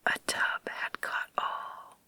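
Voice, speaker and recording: A woman reading a story in a creepy, breathy ASMR whisper, slow and deliberate, close to the microphone. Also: sharp tone, no echo.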